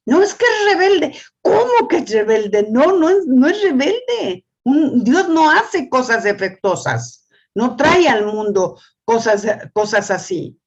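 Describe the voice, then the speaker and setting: An older woman gives a church family lesson, often repeating words and asking "¿sí?", and tells stories in a lively voice. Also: mid-range voice, dull audio. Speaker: family school teacher. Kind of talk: church teaching talk.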